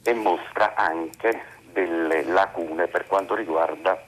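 A man from Naples phoning in to a radio talk show, asking a long question in a formal, hesitant way with many pauses and fillers. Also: deep voice, fairly bright tone, husky, poor audio. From Naples, Italy. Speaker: radio phone-in caller.

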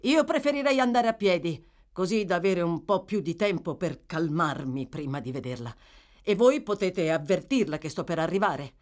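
A woman reading an audiobook, voicing an impulsive young gentleman anxious for news, his voice trembling. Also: on the low side, expressive, moderate pace, lightly acted. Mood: urgent. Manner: urgent, trembling with hope.

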